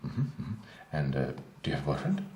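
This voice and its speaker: An actor playing a curious private investigator in a scripted drama for learners, hesitant and full of ums and uhs. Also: male voice, a bass voice, wildly swooping pitch, brisk, dark tone, slight background noise, heavily acted.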